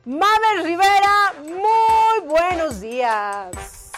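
A woman's voice: very high-pitched, lively intonation, drawn-out words, over music. A woman with a Mexican accent hosting a casual live talk show, chatty and speaking straight to her listeners. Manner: chatty, addresses listeners directly. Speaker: host.

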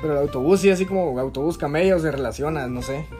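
A man's voice: fairly high pitch, quick pace, loud music behind the voice. A man co-hosting a casual chat, teasing and trading playful banter with his friend. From Guatemala. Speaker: podcast co-host.

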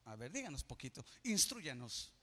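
Bright-voiced preaching pastor, man. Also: mid-range voice, big pitch swings, normal speed. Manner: preaching, swelling to loud emphatic peaks. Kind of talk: sermon. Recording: reverberant church hall.

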